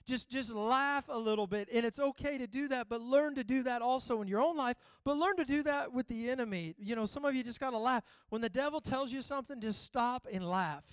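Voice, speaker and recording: A man's voice: very high voice, fairly quick, hardly any pauses, clear, resonant tone, no room sound. A man preaching a sermon, telling funny family stories and exhorting the congregation. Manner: humorous, storytelling, preacherly. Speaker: pastor.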